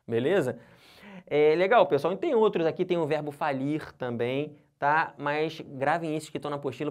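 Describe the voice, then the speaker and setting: Man from brazil, grammar teacher, relaxed lecture, keeps checking in with the class. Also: a little high. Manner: casual, checks in with students constantly. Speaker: exam-prep grammar teacher.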